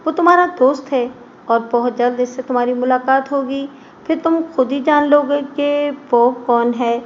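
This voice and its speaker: A woman's voice: high-pitched, moderate pace, lo-fi sound, slight background noise, lightly acted. A woman voicing a talkative, playfully teasing young man in an audio story. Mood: friendly.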